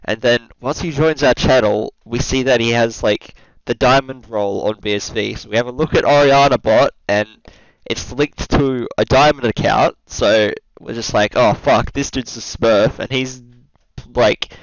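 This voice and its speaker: A man's voice: mid-range voice, moderate pace, no room sound. Easygoing male podcast host on a call. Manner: laid-back, laughs easily, teasing. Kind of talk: casual gaming podcast chat. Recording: dull lo-fi voice call audio.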